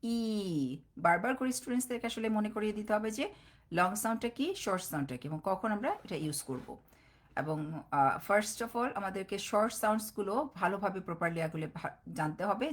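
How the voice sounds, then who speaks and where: A woman, a phonics teacher giving a live online class, mixing in English words and slowly drawing out each letter sound. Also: medium pitch, lively intonation. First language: Bengali. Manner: slow, drawn-out sounding of letters; mixes English words into explanations.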